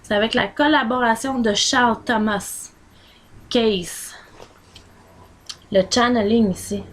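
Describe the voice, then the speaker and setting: Speaking slowly in a slightly high voice, a Québécois book vlogger rambles at home, full of filler words, while showing items to the camera. She's from Quebec, and there's a little hiss or hum on the recording.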